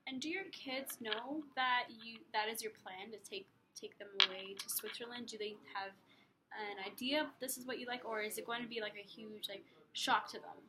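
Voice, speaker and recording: A woman's voice: on the high side, normal speed. A young woman in a role-played telephone counselling interview, asking questions tentatively and checking she has understood. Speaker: counsellor intake worker in a practice role play. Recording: clear background noise, room ambience.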